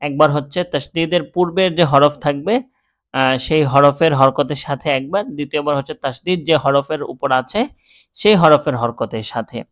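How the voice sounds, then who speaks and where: A man with a somewhat high voice and a Bangladeshi Bengali accent leads a slow reading lesson. He patiently spells out each letter and vowel mark, then says the joined syllable aloud. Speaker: Quran reading teacher.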